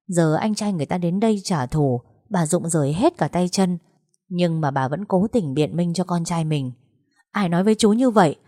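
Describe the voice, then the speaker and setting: A woman narrates a dramatic family story in a steady telling voice. Her voice is low for a woman, and the recording is dry and close with no room sound. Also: normal speed, no echo.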